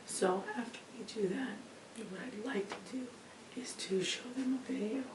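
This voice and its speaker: Hoarse woman teacher with a rusty, failing voice. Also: a little high, moderate pace. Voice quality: rusty, croaky, often dropping to a breathy whisper. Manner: effortful, pushing to be heard. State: hoarse, strained, breaking voice from voice loss. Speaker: teacher presenting a lesson plan. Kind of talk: informal lesson presentation. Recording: roomy, distant mic with clear background noise.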